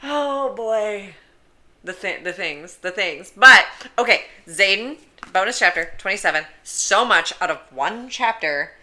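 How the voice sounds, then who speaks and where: Animated, bright-voiced woman podcaster. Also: mid-range voice. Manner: animated, excitable, quick jokes and rhetorical questions. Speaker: podcast co-host. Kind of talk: casual chat.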